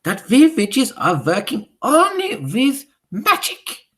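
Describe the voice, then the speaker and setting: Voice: mid-range voice, wildly swooping pitch, slow, fairly bright tone, voice pushed up, heavily acted. A reader voicing a tiny, furious female witch leader who screeches and speaks with odd foreign-sounding grammar, in an audiobook. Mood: raging. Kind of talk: audiobook character voice.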